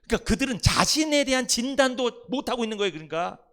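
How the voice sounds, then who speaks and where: A man's voice: extremely high pitch, lively intonation, quick pace, fairly bright tone. A male pastor preaching a Sunday sermon in church, putting questions to the congregation and answering them himself. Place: church sanctuary.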